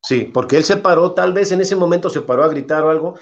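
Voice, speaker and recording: A man, a former goalkeeper, telling anecdotes in an interview with lively asides. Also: on the high side, fast, lo-fi sound. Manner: animated anecdotes, quotes the coach in character. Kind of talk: casual interview storytelling.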